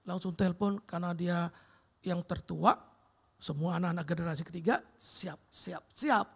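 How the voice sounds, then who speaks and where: Speaking at normal speed, a middle-aged preacher shares a testimony of hardship and answered prayer during a sermon in a church sanctuary. He has a high, gravelly, somewhat husky voice and livens things up by tossing a casual "Bro" to the congregation.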